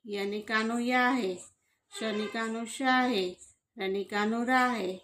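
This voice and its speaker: A woman's voice: on the high side, fairly bright tone. A woman teaching a spelling lesson, patiently sounding out each syllable and repeating it.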